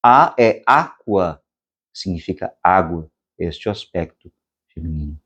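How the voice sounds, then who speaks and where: A man with a Brazilian Portuguese accent giving a spiritual meditation lecture, speaking slowly and deliberately with long pauses and chanting drawn-out vowels. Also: low voice, expressive, a bit bright, slightly rough, dull audio. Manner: slow, measured delivery with long pauses. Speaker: meditation instructor.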